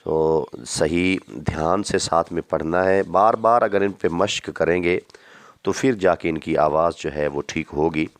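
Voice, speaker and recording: A man teaching Quran reading, calling out each letter long and loud, then explaining it softly. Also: low-pitched, dry recording. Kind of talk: recitation lesson.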